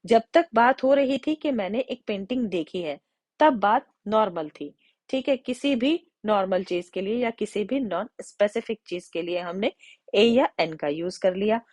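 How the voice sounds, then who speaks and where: A woman teaching English grammar to students, explaining step by step, checking in often, and slowing down to read out example sentences. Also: mid-range voice, animated, darkish tone, no room sound.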